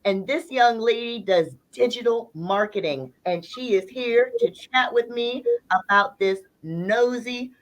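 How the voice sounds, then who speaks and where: Slow-talking playful woman host. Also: fairly high pitch, poor audio. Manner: playful, slangy, drawn-out emphasis. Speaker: podcast host. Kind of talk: casual interview chat.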